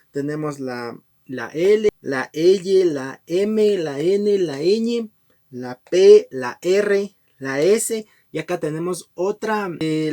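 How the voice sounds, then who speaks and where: A man giving a casual online lesson as an amateur teacher, friendly and repeating each sound slowly for learners. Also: a little high, darkish tone. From Ecuador.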